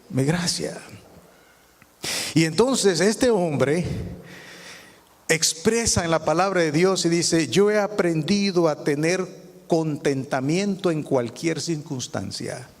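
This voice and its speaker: Preaching man in a reverberant hall. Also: sits high. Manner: preaching with rhetorical questions to the congregation. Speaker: pastor. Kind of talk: sermon.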